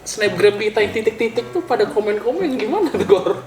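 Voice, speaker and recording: Higher-pitched man, casual podcast chat, talking while eating, echoey room, music behind. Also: expressive, brisk, a little mellow. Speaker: podcast host. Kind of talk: casual chat over food.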